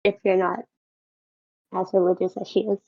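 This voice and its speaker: A young woman co-hosts a podcast, chatting casually at normal speed. Her voice is medium in pitch and her delivery flat, and the audio sounds dull and lo-fi.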